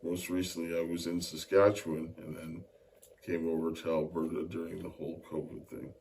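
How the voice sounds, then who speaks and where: This middle-aged man from Winnipeg, Canada, answers interview questions about his technical work, his speech full of hesitant fillers. His voice sits low and level, gravelly and a little mellow, at a moderate pace. A distant mic picks him up with faint ambient noise.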